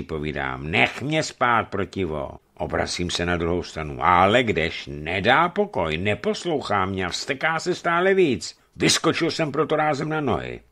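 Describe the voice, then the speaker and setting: A man voicing an earnest, quick-tempered companion who speaks emphatically. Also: deep voice, pushed and bright, full character voice. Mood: indignant.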